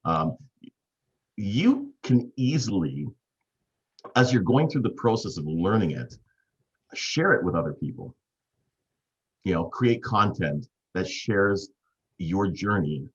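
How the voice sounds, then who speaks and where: A man's voice: low-pitched, slightly rough, lo-fi sound. A man hosting a casual business video call, playful and teasing, laughing often. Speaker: host.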